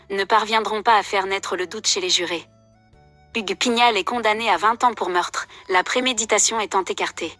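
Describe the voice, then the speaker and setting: A woman's voice: mid-range voice, bright, forceful tone, dry recording. Female true crime narrator, scripted and journalistic, mid-range voice, close dry sound over music.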